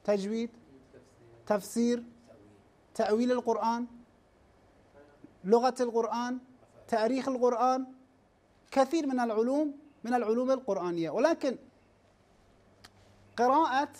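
Teacher, classroom lecture, mid-pitched voice, halting delivery, asks the class questions, restarts words. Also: a little mellow. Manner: asks rhetorical questions and checks in with "ha?"; halting, restarts words, spells out lists slowly.

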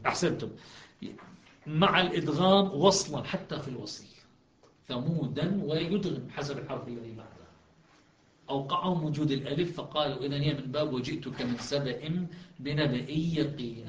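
A man's voice: a little high, a little fast, slight background noise. A man teaching a class, explaining step by step and often checking whether his students follow. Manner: explanatory, asks students if it is clear. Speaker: teacher of Quran recitation and grammar. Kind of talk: classroom lecture. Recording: echoey, muffled classroom recording.

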